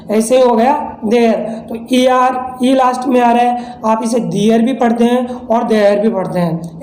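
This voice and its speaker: A man's voice: very high voice, warm tone, echoey room, low-quality recording. A man from India teaching English pronunciation in a lesson, explaining step by step and answering his own questions. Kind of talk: classroom-style lesson explanation.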